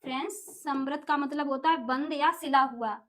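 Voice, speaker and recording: A young woman teaching an exam-prep Hindi lesson, asking questions and answering them herself, repeating key terms and sounding out vowels slowly. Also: sits high, a bit bright. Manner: addresses viewers as friends, asks and answers own questions.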